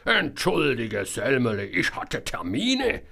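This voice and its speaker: A man voicing a loud, boisterous male boss who roars, jokes and teases. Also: medium pitch, wildly swooping pitch, takes it slowly, creaky, exaggerated voice. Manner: roaring, laughing, teasing.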